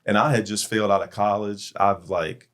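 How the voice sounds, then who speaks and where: A man's voice: on the low side, steady tone, moderate pace, fairly bright tone. A middle-aged man hosting a church men's podcast, telling stories in an earnest, heartfelt way. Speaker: podcast host.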